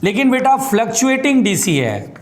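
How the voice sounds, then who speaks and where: A man's voice: very high-pitched, very animated, normal speed, reverberant. A man teaching physics in a classroom, repeating his points, calling students "beta" and scolding anyone who chats. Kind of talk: classroom lecture.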